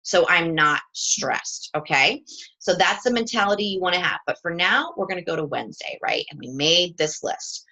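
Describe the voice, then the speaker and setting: A woman's voice: fairly low pitch, expressive, moderate pace, bright, forceful tone, rough recording. Upbeat woman coaching her team. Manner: upbeat and chatty, checking in with "okay?". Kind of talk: live coaching chat. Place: at home.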